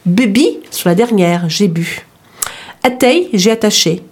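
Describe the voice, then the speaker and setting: A woman's voice: mid-range voice, animated, unhurried, a little mellow, breathy edge. Woman explaining pronunciation on radio. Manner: explains patiently, spells words out letter by letter. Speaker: radio co-host. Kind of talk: language lesson chat on radio.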